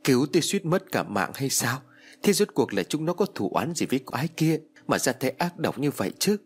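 A man's voice: medium pitch, sing-song, brisk, slightly rough. A man voicing a distraught old mother who wails and pleads over her injured daughter. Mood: grieving. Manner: wailing, pleading.

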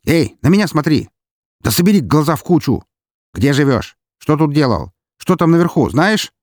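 A man's voice: medium pitch, lively intonation, fairly quick, darkish tone, no echo, clean studio sound, voice pushed up, close to an everyday voice. A man voicing an irritable police lieutenant who barks questions and orders impatiently. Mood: barking orders. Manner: barking, impatient, snapping.

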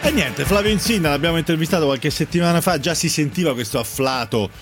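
A man hosting a live radio phone-in quiz, bantering briskly and hurrying callers along like a game host. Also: a little high, animated, music in the background.

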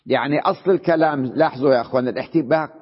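A man's voice: medium pitch, racing, husky. A man teaching a grammar lesson as a sheikh, reading a text aloud and then explaining it, often checking that his students follow. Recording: dull lo-fi recording in a reverberant hall.

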